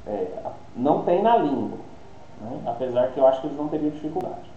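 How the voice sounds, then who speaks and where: A man with a Brazilian Portuguese accent teaches an online English class, his mid-range voice sing-song and fairly quick. He explains pronunciation while thinking aloud, checking in constantly with tag questions. The sound is roomy, dull and lo-fi, with a faint hiss.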